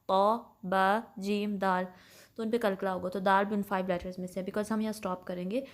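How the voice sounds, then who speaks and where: A woman teaches Quran recitation at a patient, step-by-step pace, mixing in English terms. Her pitch sits in the middle range. When she gives examples, she recites slowly and more loudly. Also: flat delivery. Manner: patient, explains each sound step by step, checks in often; slows and recites Arabic examples louder. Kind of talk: tajweed lesson mixing Urdu and English.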